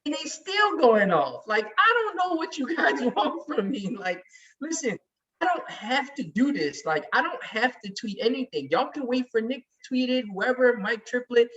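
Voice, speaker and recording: A man's voice: very high voice, very animated, normal speed, a bit bright. A man talking emphatically and heatedly in casual chat as a regular on a sports podcast. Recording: distant, muffled recording.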